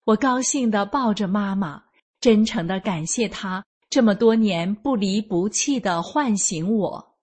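A woman in her forties reading her own first-person account aloud in an earnest, measured way. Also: medium pitch, darkish tone, husky. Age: 40s. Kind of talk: scripted first-person narration.

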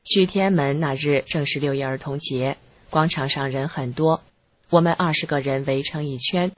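A narrator reading a first-person account aloud in an earnest, measured way. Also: medium pitch. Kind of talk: scripted narration.

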